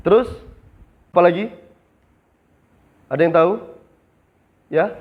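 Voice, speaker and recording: A young man with a high voice takes his time as he trains new retail staff in a classroom, posing questions to the class and answering them himself. The recording has a slightly dull, lo-fi sound.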